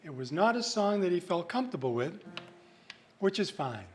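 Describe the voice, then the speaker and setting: A man's voice: high voice, big pitch swings, normal speed. Jokey male sing-along entertainer. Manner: jokey, folksy, chats with the audience. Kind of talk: chatty patter between songs. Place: live venue hall. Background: live instrumental music.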